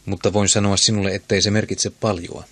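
A man voicing a calm, noble jungle-raised hero in an audiobook, speaking plainly. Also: fairly low pitch, breathy edge, no room sound.

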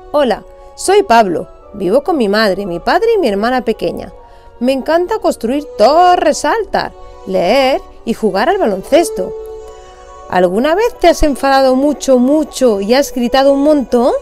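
A woman reads a children's storybook aloud. Her reading is expressive and sing-song, her pitch swoops up and down, and she sits fairly high for a woman. Soft music plays faintly beneath her.

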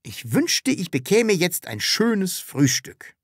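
Woman playing a timid grown man, earnest, easily flustered, lively, dry close sound. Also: lowish voice, slow, dry recording, voice pushed up, heavily acted. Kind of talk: audiobook character reading.

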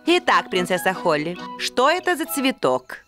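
A woman's voice: medium pitch, sing-song, normal speed, over music, lightly acted. A woman voicing a prim, strict fairy nanny who teaches and corrects precisely in a children's cartoon.

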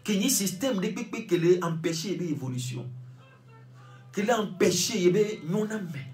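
A man with a Togolese accent and a high voice leads prayer like a fervent evangelist. He chants repeated lines and urges his listeners to keep praying. Faint music plays behind him. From Togo. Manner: chanting repeated phrases, urging listeners to pray.

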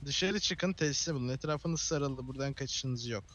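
A man's voice: mid-range voice, moderate pace, a bit bright. A man leading a police team in a game, giving curt, commanding orders through a megaphone. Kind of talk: tactical roleplay commands.

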